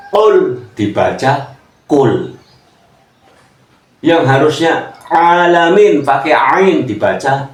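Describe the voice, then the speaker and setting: A man giving an informal religious lesson, explaining slowly and acting out pronunciations. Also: on the high side. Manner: slow and explanatory, acts out pronunciations. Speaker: religious teacher. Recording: echoey room, distant from the mic.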